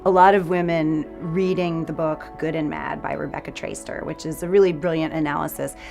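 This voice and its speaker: Lower-voiced woman giving earnest event remarks. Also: fairly even intonation, fairly quick, gravelly, darkish tone, faint music behind. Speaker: event organizer. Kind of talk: opening and closing remarks.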